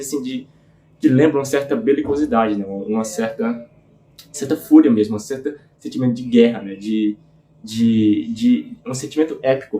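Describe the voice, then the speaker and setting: A man hosts a casual book review and talks in an informal, earnest way, dropping tag questions all the time. His voice is mellow and average in pitch, and it rings around a roomy, echoey space. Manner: informal, frequent filler tags, earnest enthusiasm. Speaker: book channel host.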